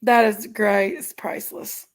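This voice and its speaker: With a steady, unhurried, mid-range voice, a woman in her 40s runs a livestream, giggling and talking frankly as she goes through viewers' comments in casual chat.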